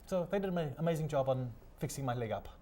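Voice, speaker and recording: A man from South Africa with a South African accent, a studio guest telling his life story in a measured, inspirational way. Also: medium pitch, lively intonation, warm tone. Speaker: guest, sailor and keynote speaker. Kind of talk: interview storytelling.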